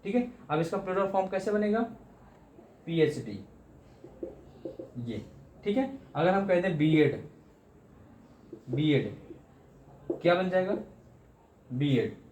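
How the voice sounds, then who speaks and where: A man's voice: high-pitched, sing-song, takes it slowly, pauses often, a little mellow, reverberant, a little hiss or hum. A man teaching English grammar in Hindi for exam prep, repeating key terms and often addressing students as friends.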